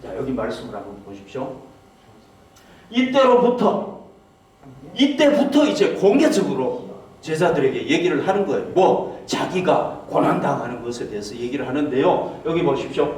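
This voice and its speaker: A man's voice: a little high, sing-song, moderate pace, darkish tone. A male pastor preaching a sermon, often putting rhetorical questions to the congregation and acting out quoted speech in a raised voice. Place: church hall. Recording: very echoey hall, mic far off.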